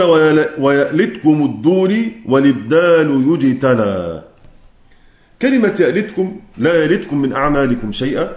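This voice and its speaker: A man with an Egyptian accent teaching a recitation class, chanting verse lines slowly and quizzing his students. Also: fairly high pitch, reverberant. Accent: Egyptian Arabic. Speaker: lecturer on Quran recitation. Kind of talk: classroom lecture.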